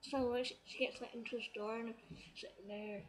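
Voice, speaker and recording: A woman from England, telling a story to the camera in an excitable, chatty way. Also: a little high, a little fast, rough recording. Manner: excitable, chatty, quotes others as she retells. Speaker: vlogger.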